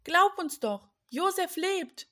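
A woman voicing a group of grown brothers in a children's story, calling out loudly and urgently. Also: on the high side, animated, moderate pace. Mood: eager.

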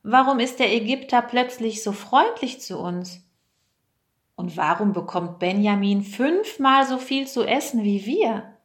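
A group of brothers protest and plead together, voiced by a woman reading aloud. The delivery is slow and loud. The tone is indignant, as suits a children's story. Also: on the high side, animated. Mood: puzzled.

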